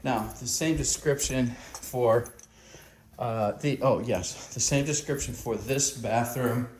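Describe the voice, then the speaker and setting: A man acting as landlord, narrating a walkthrough video of an empty house in a slow, halting way with plenty of pauses. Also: medium pitch, darkish tone. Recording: roomy echo with faint noise.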